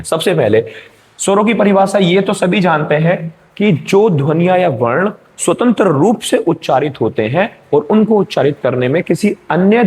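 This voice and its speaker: Higher-voiced male grammar teacher. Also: darkish tone. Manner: checks in with students, explains step by step. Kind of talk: exam-prep grammar lesson.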